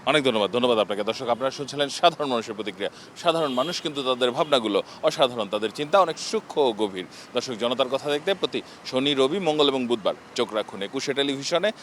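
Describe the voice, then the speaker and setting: Brisk male street-show host. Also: medium pitch, animated, a bit bright, slight background noise. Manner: brisk formal announcer delivery. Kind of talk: scripted presenting to camera.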